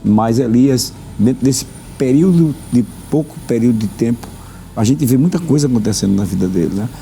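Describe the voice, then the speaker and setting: A man's voice: mid-range voice, animated, a little fast, gravelly, warm tone, slight background noise. A man hosting a religious talk program as pastor, preaching fervently and repeating phrases for emphasis.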